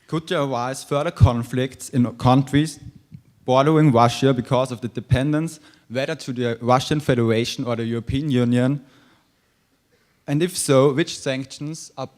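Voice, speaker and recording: A young student delegate with an Austrian accent asks a question at a conference. He speaks earnestly at a medium pitch and stumbles over a few words as he goes. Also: a little mellow. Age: young adult.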